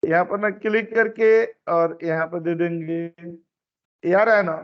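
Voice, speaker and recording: A man's voice: high voice, measured pace. A man teaching an online class, explaining step by step and repeating his phrases. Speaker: instructor. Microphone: computer mic on a video call. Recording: dull lo-fi meeting recording.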